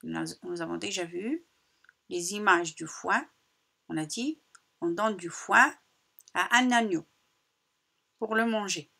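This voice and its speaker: A woman teaching young children a phonics lesson, sounding out syllables slowly and repeating each one with care. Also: mid-range voice, vocal fry, pushed and bright. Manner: slow, carefully articulated, repeats sounds for children. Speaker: primary school teacher.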